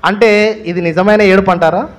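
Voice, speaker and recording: A male pastor with a Telugu accent preaches with a lot of emphasis. His voice sits high for a man, and he leans on repetition and rhetorical questions to drive each point home. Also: fairly even intonation, moderate pace. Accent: Telugu, Andhra Pradesh. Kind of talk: sermon.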